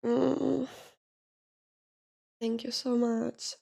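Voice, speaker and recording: Woman streamer, high and gravelly, slow, tired and teary, casual chat. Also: flat delivery, warm tone. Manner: emotional, thanking viewers, near tears.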